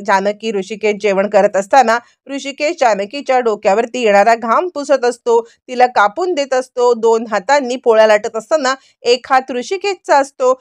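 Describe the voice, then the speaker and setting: Female recap narrator, high voice, dry close sound. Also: no echo. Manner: steady descriptive retelling. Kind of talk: storytelling recap.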